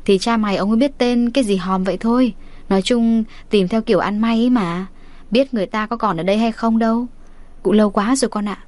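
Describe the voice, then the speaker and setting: A woman's voice: fairly high pitch, fast talker, darkish tone, dry recording, natural voice. A woman voicing a homely mother who talks in a casual, offhand way.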